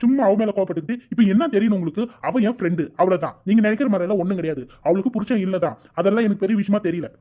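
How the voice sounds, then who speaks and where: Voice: mid-range voice, racing, hardly any pauses, lightly acted. Voice actor as a defiant young cartoon son. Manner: protesting, argumentative. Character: young man, defiant son standing his ground. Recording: dull lo-fi audio with faint music.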